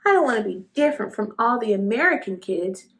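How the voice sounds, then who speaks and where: A woman plays a shy young schoolgirl in a storybook. The voice is high and very animated, with an earnest, hesitant way of speaking. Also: brisk. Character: shy young Korean girl, new at school.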